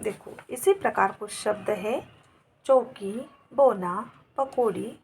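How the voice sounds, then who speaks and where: A woman's voice: medium pitch, takes it slowly, vocal fry, noisy background. A woman teaching a grammar lesson, going through examples word by word in a patient, dictating manner.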